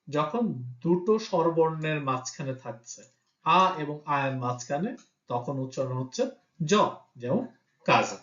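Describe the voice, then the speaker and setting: A man's voice: fairly high pitch, fairly bright tone, echoey room, dull audio. A man teaching a language lesson, patiently spelling out letters and example words one at a time. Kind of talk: teaching Italian pronunciation in Bengali.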